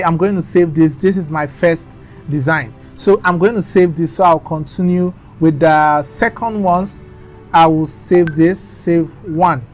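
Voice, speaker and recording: A man talking through a screen-recorded design tutorial in a chatty, instructive way, often trailing off into mumbles. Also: a little high.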